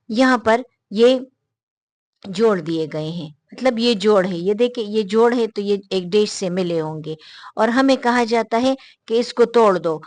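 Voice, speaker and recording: A woman teaches a lesson in a fairly high, patient voice, pointing things out one by one and repeating them for young learners. She slips English words into her explanations. The sound is close and dry, with no room echo. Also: a little mellow.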